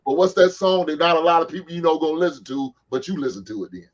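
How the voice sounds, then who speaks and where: A man's voice: fairly high pitch, expressive, quick pace, muffled recording. A man in his forties from the Bay Area, hosting a casual sports chat, joking and swearing freely. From San Francisco Bay Area. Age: 40s. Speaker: podcast host.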